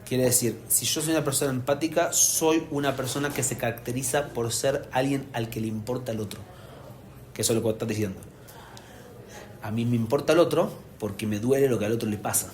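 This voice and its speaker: Un hombre con acento que da una clase en vivo a padres como rabino, explicando con ánimo y preguntando a menudo si se entiende. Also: male voice, mid-range voice, a little fast, a little hiss or hum. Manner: animated, explanatory, asks "¿se entiende?" often. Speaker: rabbi teaching parents. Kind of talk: live lecture to an audience. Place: community hall with an audience.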